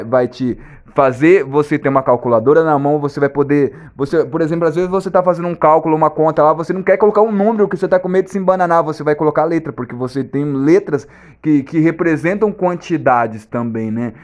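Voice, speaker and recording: A man's voice: a little high, a little fast, a little mellow, highs cut off. A man giving a casual lesson, asking rhetorical questions and restarting his words often. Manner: talks in bursts with many restarts and repeated words. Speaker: teacher of memory techniques.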